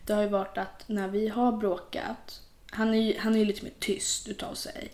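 Young woman, podcast guest, lively storytelling, echoey room. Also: medium pitch. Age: young adult. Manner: animated, quotes people in lively voices. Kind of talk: casual conversation. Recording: roomy echo.

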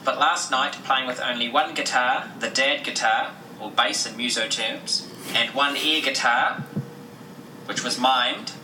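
An actor with a New Zealand accent playing a fussy, deadpan band manager in a sitcom. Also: male voice, medium pitch, a little slow, noisy background, natural voice. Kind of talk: sitcom acting. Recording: roomy TV clip audio.

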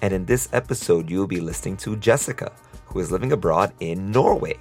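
A man hosting a casual podcast interview, chatty and quick to laugh, often repeating words as he starts a question. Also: deep voice, expressive, vocal fry, darkish tone, soft background music. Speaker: podcast host.

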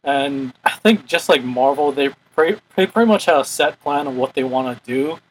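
A man's voice: mid-range voice, normal speed, a little hiss or hum, low-quality recording. A man hosting a casual podcast, chatty and rambling as he talks about movies. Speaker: podcast host. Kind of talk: casual chat.

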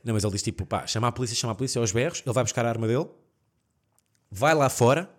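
A man's voice: medium pitch, racing. A man with a European Portuguese accent, casually telling creepy stories on a podcast and acting out the voices in the story. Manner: animated, acts out voices in shouts, laughs often.

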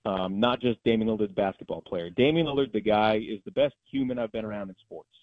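Talking fast in a fairly low voice, a man appearing as a guest sports announcer gives forceful, opinion-driven commentary conversationally. There's no room sound, and the audio has the dull, narrow quality of a limited-bandwidth line.

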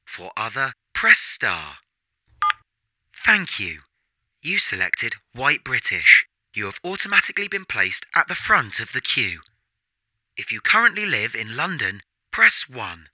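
A man voicing a smug automated phone menu for a comedy sketch, sounding flat and patronizing. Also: medium pitch, unhurried, no echo, exaggerated voice. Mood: mock polite.

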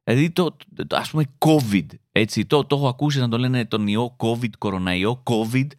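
Clean studio sound and a dry recording frame a young man's stand-up style comedy monologue. He performs his stories with animation, leaping up and down in pitch as he acts out the voices he quotes.

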